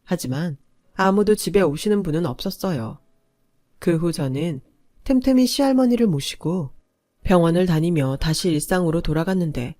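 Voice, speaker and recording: A woman telling a first-person story in calm, confiding scripted narration. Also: on the low side, dry recording, studio quality.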